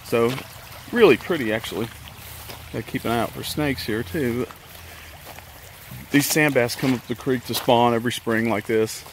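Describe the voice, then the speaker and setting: Outdoors at a rocky creek, a middle-aged Texas man gives relaxed fishing vlog narration with casual coaching, his voice mid-range. The handheld phone audio is swamped by the loud sound of rushing water.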